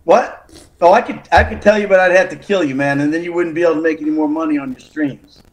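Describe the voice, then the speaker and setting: A middle-aged man talking over a video call from a room indoors, gruff and joking, swearing casually. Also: a little high, quick pace, low-quality recording. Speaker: guest voice actor.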